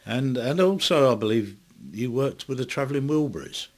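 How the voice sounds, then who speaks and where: A man's voice: mid-range voice, animated, moderate pace. A man hosting a local radio interview, chiming in with short encouraging remarks and follow-up questions. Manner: brief encouraging interjections, chuckling along. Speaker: radio host.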